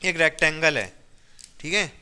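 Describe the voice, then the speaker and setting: Male maths teacher, clear resonant voice, repetitive and encouraging, always asking if students follow. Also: a little high, expressive, normal speed, pushed and bright. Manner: coaxing, checks understanding often; repetitive, stresses reasons. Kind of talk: classroom maths lesson.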